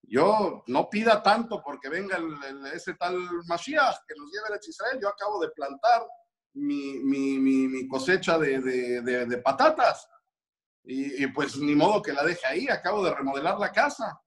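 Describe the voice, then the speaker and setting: A man's voice: fairly high pitch, normal speed. A man voicing a simple, worried middle-aged villager who pleads and frets in a storybook tale. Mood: pleading. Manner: excitable, pleading.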